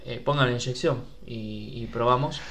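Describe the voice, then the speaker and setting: Brief: a man as a blunt Argentine patient, comedy sketch, skeptical and colloquial, middle male pitch. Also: normal speed, fairly bright tone, lightly acted. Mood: wary. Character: incredulous married male patient, blunt and wary. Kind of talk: comic sketch dialogue.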